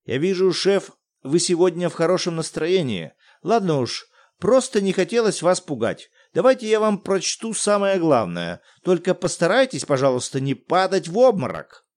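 A man's voice: sits high, sing-song, normal speed, a little mellow, voice pushed up. A man voicing a teasing young lab assistant in an audiobook. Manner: teasing, breezy.

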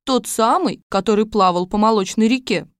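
A woman narrating a fairy tale in an even storytelling manner. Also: medium pitch, moderate pace, clear, resonant tone, no room sound, clean studio sound.

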